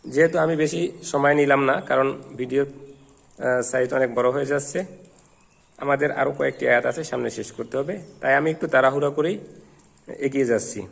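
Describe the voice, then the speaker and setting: A Bengali-speaking man teaching Quran reading, spelling out letters and vowel marks, then slowly chanting whole verses. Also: mid-range voice, vocal fry. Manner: chants verses in a slow melodic recitation. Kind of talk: slow spelled-out recitation lesson.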